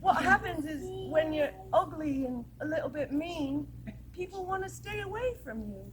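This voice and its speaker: Soft British lady, as a woman puts her on. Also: high voice, animated, moderate pace, slight background noise, pitched above the performer's own voice, rough recording. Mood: grateful, tearful. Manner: soft, bright, effusive and tearful. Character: transformed witch, now a gentle grateful lovely woman. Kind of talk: storytelling to a camp audience.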